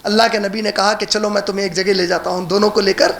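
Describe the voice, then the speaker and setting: A male preacher with a high, bright, forceful voice. He lectures with passion, pressing hard on his points and then sinking quiet to tell old stories. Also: little pitch movement, quick pace. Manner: impassioned, rising to emotional emphasis then dropping low for storytelling. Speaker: Islamic preacher. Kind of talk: religious talk.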